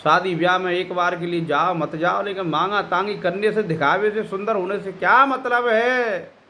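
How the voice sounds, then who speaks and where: A man's voice: high-pitched, moderate pace, sharp tone, slight background noise. A male spiritual teacher giving a devotional talk, scolding and admonishing his listeners. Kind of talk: devotional discourse.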